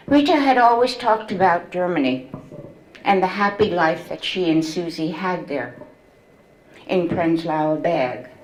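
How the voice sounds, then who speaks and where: A woman in her seventies, a memoir author reading from her book and telling her story to an audience in a slow, measured way. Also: on the low side, lively intonation, slight background noise, poor audio. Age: 70s.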